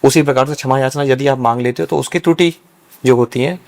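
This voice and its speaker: Fast-talking young man with gravelly voice. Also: mid-range voice, a little mellow. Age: young adult. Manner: earnest, explaining at length. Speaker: guest, young Brahmin priest. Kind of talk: casual podcast conversation.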